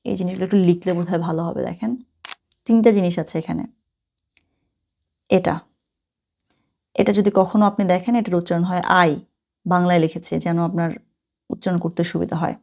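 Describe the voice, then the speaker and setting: Woman, casual language teacher, chatty, careful slow reading of examples. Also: mid-range voice, gravelly, dark tone. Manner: casual, chatty, mixes languages, reads German slowly and carefully. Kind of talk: online language lesson.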